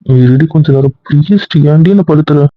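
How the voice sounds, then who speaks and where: A young man talks fast and pushily in a raised, slightly high voice. The sound is dry and close, with dull lo-fi audio. He plays an insistent husband in a comic skit. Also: no echo. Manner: insistent, stubborn, often raising his voice.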